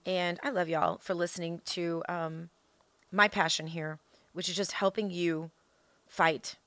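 A woman with a bright, forceful voice hosts a political podcast, recorded close and dry. She speaks emphatically in an opinionated monologue, repeating key phrases and throwing rhetorical questions at her listeners. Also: lowish voice, little pitch movement, no echo. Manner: emphatic, with deliberate repetition for effect.

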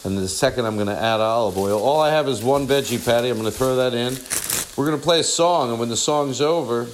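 A man's voice: medium pitch, quick pace, noisy background. A man hosting a podcast in casual, rambling solo chat, with silly over-the-top showmanship and repeated phrases. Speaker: podcast host.

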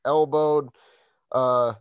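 A young adult man hosting a podcast, reminiscing in relaxed casual chat. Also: mid-range voice, very slow, smooth, no room sound, dull audio. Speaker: podcast host.

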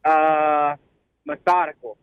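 A man talking on the phone while driving, as a racing driver in a casual interview, halting and repeating words with many fillers. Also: fairly high pitch, level tone, clean tone, no room sound, faint music behind. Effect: heard over a phone line. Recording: tinny dry phone line.

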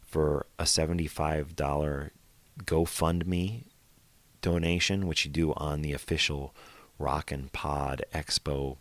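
A man's voice: extremely low pitch, fairly even intonation, takes it slowly, no room sound. A man hosting a podcast, chatting in an upbeat, enthusiastic way as he gives the intro and plugs. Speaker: podcast host.

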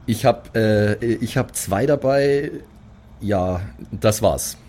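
A man improvises casually in character as a player in a tabletop role-playing game, sounding hesitant and resigned. His voice is fairly low and darkish, and he speaks slowly.

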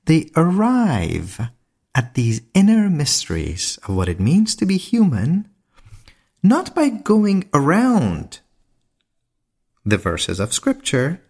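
Slow, gravelly man giving a spiritual talk. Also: mid-range voice, darkish tone. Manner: slow, deliberate, with dramatic pauses. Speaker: lecturer on mysticism.

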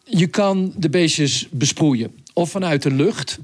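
A man's voice: fairly high pitch, takes it slowly, slightly rough. A male correspondent telling a radio interview about events around him, in a vivid, chatty way with frequent hesitations. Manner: vivid, conversational storytelling with hesitations. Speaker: foreign correspondent. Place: Nairobi, Kenya.

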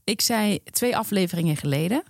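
A woman's voice: mid-range voice, expressive, a little fast, creaky, dry recording, clean studio sound. A woman co-hosting a podcast, frank and chatty, sometimes reading a column aloud. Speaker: podcast co-host.

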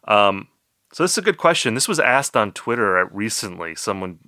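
A man's voice: on the low side, big pitch swings, brisk, sharp tone, no room sound, studio quality. A man co-hosting a music podcast, chatting casually and playfully with his co-host. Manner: chatty, playful, slips into put-on accents. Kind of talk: casual chat.

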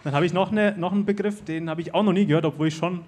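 A man hosts a casual live talk. His voice is fairly high for a man, and he moves between questions to his guest and remarks to the audience. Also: rapid-fire, darkish tone, a little hiss or hum. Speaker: host.

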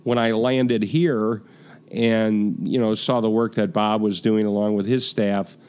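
Lower-pitched man, halting speech. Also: little pitch movement, darkish tone, clean tone. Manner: halting, many restarts. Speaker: festival executive. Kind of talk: interview talk.

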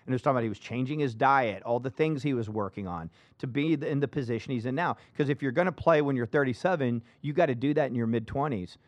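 A man hosting a casual sports talk show, emphatic and animated, often restarting his sentences. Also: mid-range voice, fast, few pauses, dry recording.

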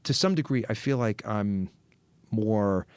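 A man's voice: lowish voice, animated, unhurried, darkish tone, clear, resonant tone, no echo. A middle-aged man co-hosting a podcast, talking in a reflective, rambling way with frequent restarts. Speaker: podcast co-host. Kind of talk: casual chat.

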